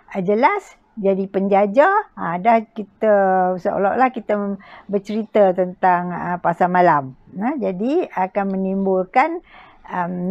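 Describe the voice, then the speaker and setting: A woman with a Malaysian accent teaching poetry recitation in an informal lecture, halting often and adding little checking tags. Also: mid-range voice, a little mellow, dry recording, dull audio. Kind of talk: informal spoken lecture with examples.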